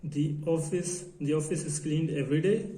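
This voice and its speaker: A man teaching an English grammar lesson in a halting way, often repeating phrases and reading out example sentences. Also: a little high, fairly even intonation, warm tone. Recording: echoey room.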